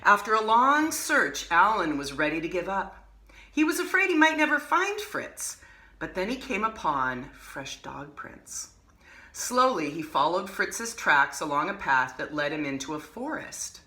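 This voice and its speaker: A woman hosting an art lesson, reading a picture book aloud with expressive, animated storytelling and casual asides. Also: on the low side, unhurried, echoey room. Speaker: art teacher and host.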